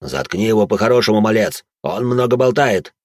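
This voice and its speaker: A man's voice: on the low side, animated, fairly quick, a little mellow, dry recording, clean studio sound, lightly acted. A man voicing a mocking, battle-hardened old man in an audiobook who sneers and barks orders. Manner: gruff, sneering, barks commands.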